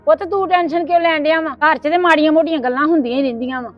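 A woman's voice: high-pitched, steady tone, racing, muffled recording, soft background music, close to an everyday voice. A woman playing a bossy mother-in-law who scolds her daughter-in-law. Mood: soothing. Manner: scolding, tearful complaining. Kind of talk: family skit acting.

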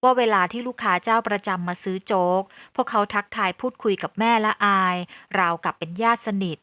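Bright-voiced woman narrating a novel. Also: medium pitch, brisk, dry recording. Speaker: audiobook narrator. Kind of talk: scripted first-person novel narration.

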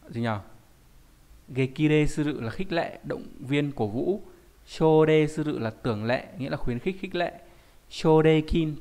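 A man teaches an online Japanese lesson in a plain, middle-pitched voice. He explains step by step and keeps checking in with rhetorical questions. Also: darkish tone.

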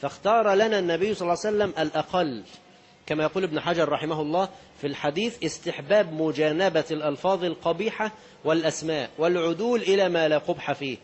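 Egyptian guy giving a religious lesson, talks fast, kinda high voice, a bit of hiss behind. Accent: Egyptian Arabic. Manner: conversational, acts out quoted people, asks rhetorical questions. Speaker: preacher.

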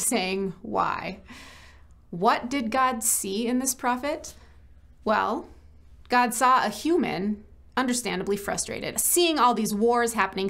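Gentle storytelling woman giving a devotional. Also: mid-range voice, creaky. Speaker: church ministry staff. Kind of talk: short devotional message.

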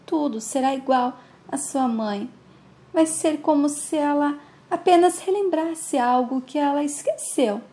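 A woman's voice: high-pitched, unhurried, dark tone, voice pushed up. A woman voicing a wistful older widowed father, grave and certain. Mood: earnest.

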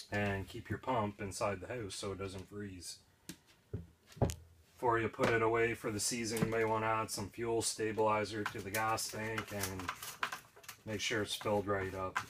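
A man's voice: lowish voice, a bit bright, slight background noise. A young man casually explaining a repair step by step in a garage, plain and practical. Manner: plain, unhurried, practical, with frequent fillers. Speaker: DIY video host. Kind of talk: casual how-to demonstration. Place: indoor garage or shed, filming himself while crouched working.

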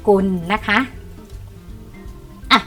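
A middle-aged woman teaching young pupils in an online lesson. She coaxes them along and reads words aloud slowly so they can repeat after her. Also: pushed and bright, faint music behind. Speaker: primary school teacher.

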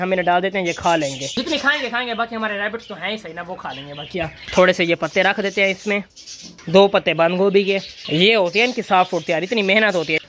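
Fast-talking man feeding birds. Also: high voice, background noise. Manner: chatty, calls and coaxes animals while feeding. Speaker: vlogger and bird keeper. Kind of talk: casual farm vlog narration.

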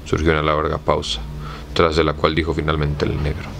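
Deep-voiced man reading a story aloud. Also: monotone, brisk, gravelly, fairly bright tone, slight background noise. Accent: Mexican Spanish. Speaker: audiobook reader.

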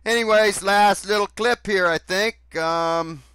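A man's voice: high-pitched, measured pace, a bit bright, clear, resonant tone, dry recording. A man hosting a commentary video, mocking played clips with sarcasm and swearing. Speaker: commentary host.

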